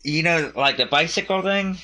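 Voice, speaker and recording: A man's voice: on the high side, lively intonation, moderate pace, bright, forceful tone. A man chatting casually, rambling and hesitant, often searching for words. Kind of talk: casual chat.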